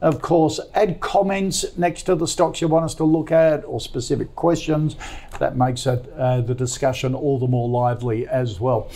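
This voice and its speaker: A man hosting a finance chat show and recapping stock picks in a relaxed, steady way. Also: medium pitch, moderate pace. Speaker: show host.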